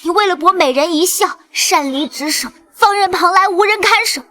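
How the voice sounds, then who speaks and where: Brief: a defiant daughter, very high bright voice, scornful and sharp. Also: female voice, normal speed. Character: defiant young immortal-sect daughter, fierce, accusing. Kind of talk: dubbed costume drama acting.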